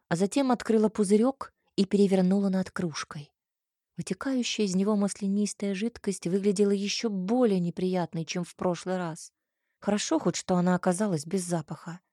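Mellow-voiced woman reading an audiobook. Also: mid-range voice, no room sound, studio quality. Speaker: audiobook narrator. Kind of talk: first-person fantasy audiobook narration.

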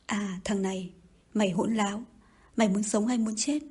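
A woman's voice: mid-range voice, steady tone, moderate pace, a little mellow, breathy edge. A woman voicing a harsh, threatening older male mandarin in an audiobook reading, hurling threats and insults. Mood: menacing.

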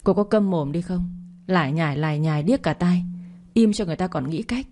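A woman voicing a rough, furious young father who snarls crude threats in a story reading. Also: lowish voice, fairly quick, warm tone, natural voice. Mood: snarling.

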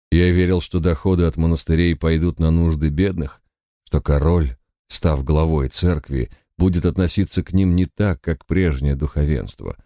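A man reading an audiobook, narrating in a measured, even storyteller's manner. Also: low voice, no echo, clean studio sound. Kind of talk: scripted narration.

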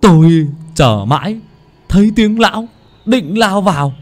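A man's voice: mid-range voice, sing-song, unhurried, vocal fry, husky, full character voice. A man voicing a scheming young male servant who boasts gleefully in a raised voice. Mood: gloating. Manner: gloating, boastful, with bursts of laughter.

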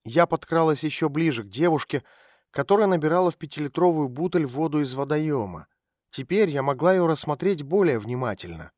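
A man narrating a detective novel in a steady, measured reading voice. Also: a little high, no echo, clean studio sound. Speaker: audiobook narrator. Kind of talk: scripted narration.

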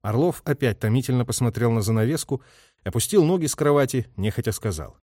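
A man reads narration at a medium pitch, steady and even. The voice is dry and close to the mic. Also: fast, no echo. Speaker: audiobook narrator. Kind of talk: scripted narration.

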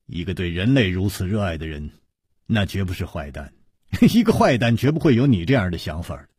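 A man voicing a calm, smiling male hero who answers softly and low, with a husky voice. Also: moderate pace, no echo, clean studio sound. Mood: amused.

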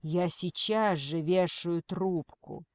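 A woman's voice: lowish voice, slow, darkish tone, no room sound. A woman voicing a frightened yet firm middle-aged mother arguing with a kidnapper. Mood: agitated. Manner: agitated, firm. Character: frantic but stubborn middle-aged mother.

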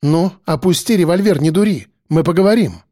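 A man's voice: high voice, lively intonation, fairly quick, mellow, no room sound, voice pushed up. Man reading a tough hard-nosed woman, firm and cutting, dry close sound. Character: tough, steely woman prisoner called Kobra.

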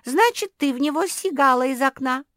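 A woman doing a loud, squeaky young dog girl. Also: animated, normal speed, no room sound, clean studio sound. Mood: excited.

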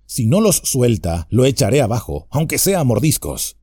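A man's voice: mid-range voice, sing-song, moderate pace, mellow, husky, dry recording. A man voicing a loyal, stubborn male hobbit who speaks fiercely, in an audiobook reading. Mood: determined. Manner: fierce, determined.

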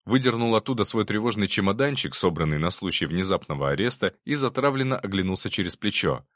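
Man, audiobook narrator, low voice, dry close sound, steady storytelling. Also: fast, no room sound.

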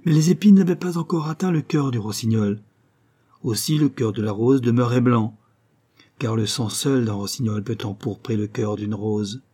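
A man reading a fairy tale aloud in a measured, solemn way. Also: mid-range voice, dark tone, slightly rough. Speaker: narrator. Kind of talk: storybook reading.

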